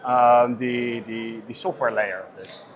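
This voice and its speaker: A man's voice: mid-range voice, steady tone, measured pace. A man in his thirties interviewing a guest at a trade-fair booth, upbeat and promotional, often ending points with "right?", on a lapel mic.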